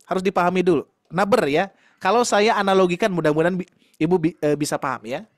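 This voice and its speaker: Male recitation teacher, patient, high voice, dry close mic. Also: fast talker, no echo. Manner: patient, explains with demonstrations and gentle laughs. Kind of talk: online tajwid class.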